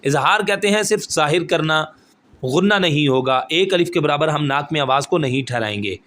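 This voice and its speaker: Patient male tajweed teacher, slightly high. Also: lively intonation, fairly bright tone. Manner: explains rules patiently, then recites phrases slowly and drawn out; checks in with the listener often. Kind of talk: step-by-step recitation lesson.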